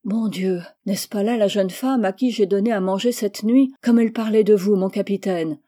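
A woman voicing a kindly, plain-spoken old French matron who talks in a brisk, homely, practical way in a storybook reading. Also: mid-range voice, warm tone, close to an everyday voice.

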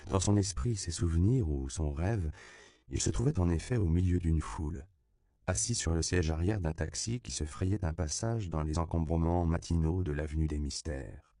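Deep, gravelly man narrating a novel. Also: mellow, no echo, studio quality. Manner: measured, storytelling. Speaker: audiobook narrator. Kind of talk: scripted narration.

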